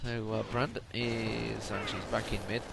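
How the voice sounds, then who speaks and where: A man's voice: on the low side, moderate pace, gravelly, over loud music. A tired man giving chatty, rambling solo play-by-play commentary on a video game late at night, often correcting himself. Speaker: esports commentator. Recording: steady noise under the voice.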